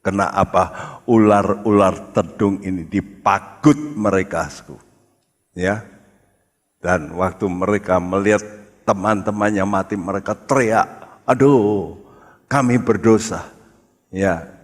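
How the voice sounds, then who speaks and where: A man preaching a sermon as pastor, speaking to the congregation in an emphatic, deliberate way. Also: sits low, fairly even intonation. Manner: addresses the congregation as brothers, slow and emphatic. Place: church hall. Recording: church hall with long reverb.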